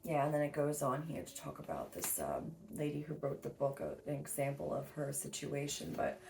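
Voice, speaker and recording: A woman's voice: sits low, moderate pace, vocal fry, darkish tone, roomy sound. A woman giving a tarot reading in a casual, rambling way, full of fillers and restarts. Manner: rambling, filler-heavy, self-correcting. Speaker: tarot reader. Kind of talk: casual spiritual reading monologue.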